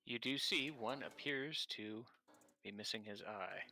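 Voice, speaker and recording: A man running a tabletop role-playing game as dungeon master, describing scenes in measured narration. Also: mid-range voice, gravelly, pushed and bright, soft background music.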